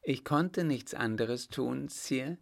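A man's voice: mid-range voice, takes it slowly, vocal fry, pitched above the performer's own voice. A man voicing a frightened village mayor in an audiobook, answering hesitantly and stammering. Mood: fearful, submissive. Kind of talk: audiobook character voice.

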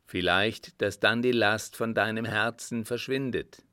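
A man's voice: fairly low pitch, fairly even intonation, measured pace, bright, forceful tone, clean tone, no room sound, studio quality. A man reading aloud, voicing a frightened young son who pleads urgently with his dying father. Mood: pleading.

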